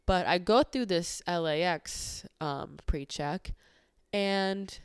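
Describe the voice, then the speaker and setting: A woman podcast host chats through a story in a loose, filler-heavy way, her voice a touch lower than most and smooth and clean. The sound is dry and close, with no room around it. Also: takes it slowly, dry recording. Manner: chatty, many filler "like"s, exasperated retelling. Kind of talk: casual storytelling monologue.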